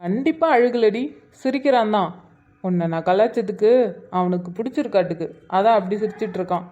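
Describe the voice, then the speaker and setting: A brash, teasing young cartoon man, played by a woman, speaking at a middle pitch. He needles everyone with mocking banter and clearly enjoys it. The recording sounds slightly muffled and lo-fi. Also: brisk, mellow, natural voice. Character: teasing, cheeky young man, the joker of the family. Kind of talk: cartoon voice acting.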